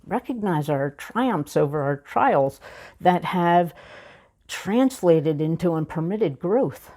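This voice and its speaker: Woman minister preaching, low warm voice, reflective, pauses a lot while telling a story. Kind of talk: sermon with personal story.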